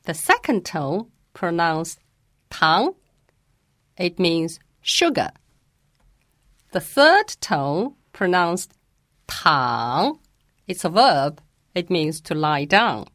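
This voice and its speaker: A woman's voice: on the low side, very animated, slow pace, a bit bright, no room sound, studio quality. A woman who teaches Mandarin, answering interview questions patiently and carefully, and demonstrating pronunciations as she explains.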